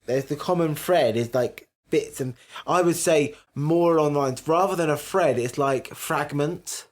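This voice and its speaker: A man's voice: a little high, a little slow. A man co-hosting a casual podcast, arguing his points emphatically and talking over his co-host. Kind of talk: casual chat.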